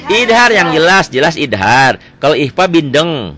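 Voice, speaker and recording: A man teaching Quran recitation, quizzing a student with quick questions, repeating answers and reciting verses slowly. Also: on the high side, big pitch swings, a crowd in the background. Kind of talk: Quran reading lesson with a child.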